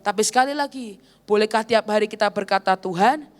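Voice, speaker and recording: A woman's voice: medium pitch, fast, soft background music. A woman evangelist preaching a sermon at a church service, telling a story and often addressing the congregation directly.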